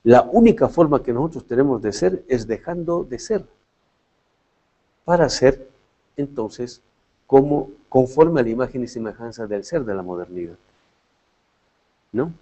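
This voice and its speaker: A man's voice: medium pitch, lively intonation, measured pace, long pauses, dark tone, lo-fi sound. A man giving a philosophy lecture in a reflective way, often tagging his points with questions and restarting his phrases. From Latin America.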